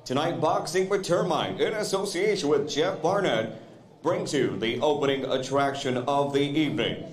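A man working as a boxing ring announcer, stretching out the fighters' names. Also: a little high. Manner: drawn-out shouted fighter names. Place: convention center arena. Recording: echoey arena sound.

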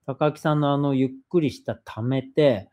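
Guy on a livestream reading out a fan question then explaining his answer, casual, middle pitch. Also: normal speed, mellow. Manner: reads a viewer's question aloud, then explains at length. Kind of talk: casual live-stream talk.

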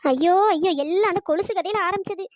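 Shrill squeaky cartoon village gossip, voiced by a performer. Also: quick pace, slight background noise. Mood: worried. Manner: shrill, scolding, teasing calls. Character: sharp-tongued village women gossiping, loud and teasing. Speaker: cartoon characters. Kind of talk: cartoon comedy dialogue.

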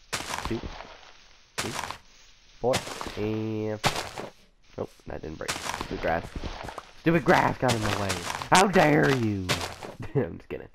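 With a gravelly mid-range voice and a noisy background, a young man offers casual commentary while playing a game. He's still sick with a cough and the flu, and he rambles chattily, often correcting himself.

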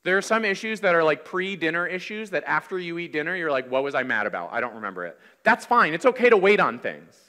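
A man in his thirties preaches from the pulpit of a large church, talking in a conversational, energetic way. His voice sits high and sounds bright and forceful. It rings out with a long hall reverb. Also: fast, few pauses. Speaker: pastor. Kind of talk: sermon.

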